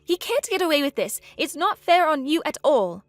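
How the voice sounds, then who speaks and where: A woman voicing a guilty, hesitant female best friend in a text-message story, speaking in a lower, apologetic way. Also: big pitch swings, moderate pace, no echo.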